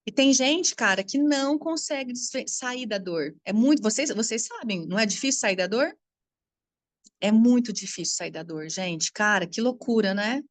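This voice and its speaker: A Brazilian woman with a somewhat high voice gives a casual astrology talk. She is animated and frank, with blunt, salty asides. The sound is close and dry. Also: no echo. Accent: Brazilian Portuguese. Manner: animated, frank, swears freely, laughs often. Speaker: spiritual coach teaching astrology. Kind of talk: casual spoken talk to an audience.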